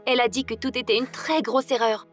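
A woman's voice: on the high side, steady tone, a little fast, faint music behind. A woman narrating a first-person story in an emotional, dramatic way. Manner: dramatic, emotional delivery that rises in tense moments.

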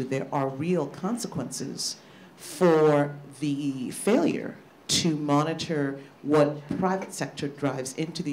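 A discussant pressing a probing, articulate point in a roundtable discussion. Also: mid-range voice. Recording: faint background noise.

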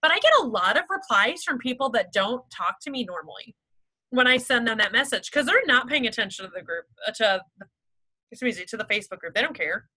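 A woman in her thirties runs a sales team meeting in an upbeat, chatty way, peppering her talk with "like" and "okay". Her voice sits high and sounds bright. She keeps pushing her team toward their goals. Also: expressive, a little fast, husky, low-quality recording.

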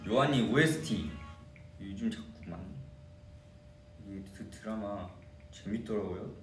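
A man's voice: fairly low pitch, measured pace, faint music behind. A young man from Korea's Jeolla region, chatting casually with fans on a livestream and answering their comments. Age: young adult. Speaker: idol singer hosting a fan livestream. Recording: echoey room, distant mic.

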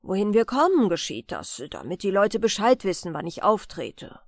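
A woman voicing a proud, chatty male circus horse who talks a little louder and with a grand, sociable air in a bedtime audiobook. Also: mid-range voice, sing-song, normal speed, dry recording, studio quality. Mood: boastful.

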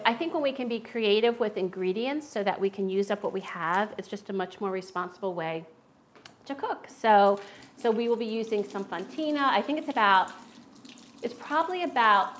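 Cooking show host speaking with a Philly accent, this middle-aged woman streams live from her big home kitchen, laughing a lot and talking while she cooks. Her voice is medium in pitch and a bit bright, heard through a far-off camera across the room.

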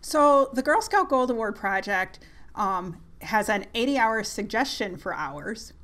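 Woman interviewer, slightly high voice. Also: big pitch swings, measured pace, a bit bright. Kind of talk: interview questions.

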